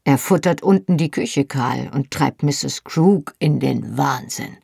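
Woman reading as a gruff young Highland husband. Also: slow, dark tone, no room sound, clean studio sound, exaggerated voice. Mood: matter-of-fact. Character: Scottish Highland man, young husband, dry and practical.

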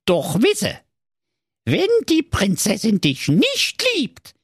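A man's voice: sits high, huge pitch swings, takes it slowly, breathy edge, no echo, studio quality, pitched above the performer's own voice, exaggerated voice. A man voicing a grumpy, sly, evil male dwarf in a comic fairy tale, with a grumbling manner.

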